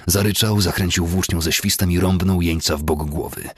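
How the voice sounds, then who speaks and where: A man narrating a fantasy audiobook in a steady, measured way. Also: sits low, husky, dry recording, studio quality.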